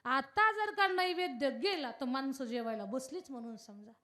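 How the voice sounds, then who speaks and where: A woman's voice: high voice, moderate pace, bright, forceful tone, pitched below the performer's own voice. A woman doing a pleading, selfless male frog. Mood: anguished resolve. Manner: pleading, earnest. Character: brave pitiful male frog, anxious and selfless.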